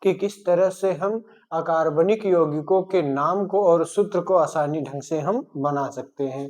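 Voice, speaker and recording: A man teaching chemistry in a lecture style, asking the class questions and then answering them himself while repeating the key terms. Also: sits high.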